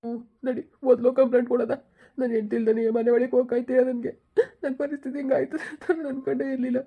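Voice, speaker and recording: A woman's voice: high voice, level tone, very fast, vocal fry, slightly rough, phone-quality sound, full character voice. A woman playing a grieving middle-aged village husband, crying and pleading in a village drama. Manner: pleading, sobbing speech.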